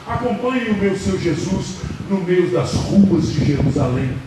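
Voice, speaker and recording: A man with a Brazilian Portuguese accent preaches in a high voice, retelling a story in vivid bursts that climb to shouts. He sounds set back from the mic, and the church hall rings with heavy echo and noise. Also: expressive, measured pace. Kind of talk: dramatic sermon storytelling. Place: church service. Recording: echoey hall, distant mic, noisy.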